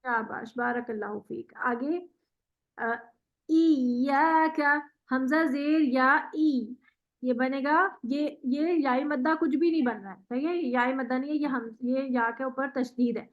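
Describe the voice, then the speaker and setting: A woman teaching Quran recitation in an online class, patiently modelling words slowly and praising the student. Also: sits high, dull audio. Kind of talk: online tajweed lesson.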